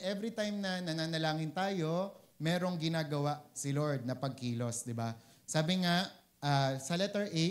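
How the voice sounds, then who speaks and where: A man with a Filipino accent giving a casual sermon, often asking "di ba?" and switching into English phrases. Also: fairly high pitch. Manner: conversational, keeps asking "di ba?", mixes English phrases. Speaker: preacher.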